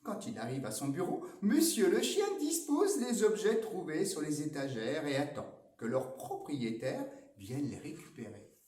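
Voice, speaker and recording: Librarian type, a man with a high, lively voice reading picture books with play, unhurried, echoey library, mic set back. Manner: playful, animated storytelling. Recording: echoey room, mic at a distance.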